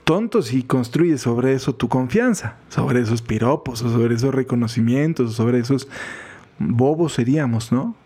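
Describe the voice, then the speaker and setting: A priest with a Mexican accent giving a chatty, informal reflection on the gospel, often laughing and acting out what people say. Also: male voice, mid-range voice, expressive, normal speed, mellow, husky. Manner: chatty, laughs often, acts out quoted voices. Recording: podcast voice recording.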